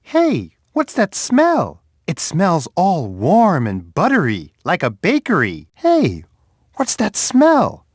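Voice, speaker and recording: A man voicing a big, friendly, gentle bear in a children's game, full of curiosity and childlike wonder, with an expressive sing-song way of talking to young kids. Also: high-pitched, slow, breathy edge, no echo, studio quality, full character voice. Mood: excited, delighted. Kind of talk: children's edutainment game voice lines.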